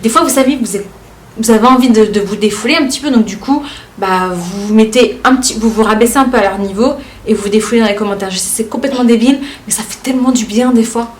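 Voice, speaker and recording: Woman vlogger, former flight attendant, casual and animated, slightly high voice, echoey room. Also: fast. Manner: animated, talks straight at the viewer with many fillers. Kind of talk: casual chatty vlog, reading out comments. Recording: roomy echo.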